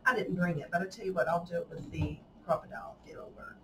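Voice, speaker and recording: Fast and lively in intonation, with a voice on the low side, a Southern-drawling craft tutorial host talks through a hands-on project casually. She's chatty and folksy and laughs often. She is far from the mic in an indoor room with faint background noise.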